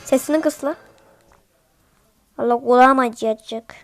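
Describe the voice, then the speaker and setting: A woman giving excitable live gameplay commentary. She pleads and shouts at the game in repeated bursts and chats to viewers in between. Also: high voice, measured pace. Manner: chatty asides to viewers. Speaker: mobile game streamer.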